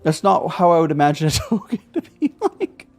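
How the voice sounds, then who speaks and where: This streamer speaks briskly in a medium-pitched, darkish voice that's very animated, chatting casually over a gameplay livestream and playfully repeating the in-game dialogue. Video game music and dialogue can be heard underneath.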